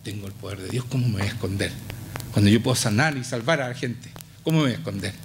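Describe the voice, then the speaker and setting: A middle-aged man with a Chilean Spanish accent preaching a passionate sermon in a church, swinging from low to high with emphatic repetition. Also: quick pace, a little hiss or hum. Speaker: pastor.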